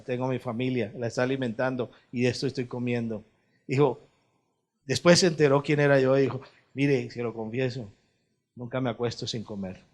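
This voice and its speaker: Man preaching, rising and falling. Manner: swings from soft and low to loud and high, asking the congregation questions. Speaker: pastor. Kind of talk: sermon.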